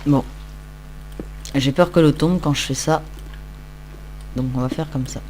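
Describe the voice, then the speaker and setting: A man's voice: on the high side, unhurried, darkish tone, slight background noise. A tired man giving casual, rambling, self-mocking commentary while he plays a game. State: tired, just woke up. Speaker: Minecraft let's-play host.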